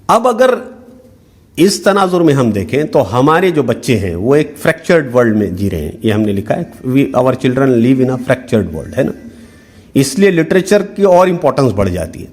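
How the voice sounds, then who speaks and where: A middle-aged man gives a workshop lecture in a medium-pitched, darkish voice with big pitch swings. He explains things step by step, mixes English terms into his speech and keeps using the tag question "hai na?".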